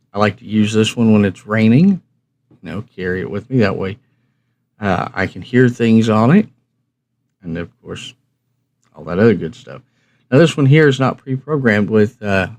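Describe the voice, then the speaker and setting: With a fairly low, slightly mellow voice, a man runs a hobby livestream of casual instructional talk. He's folksy and conversational, posing his own questions and answering them as he explains.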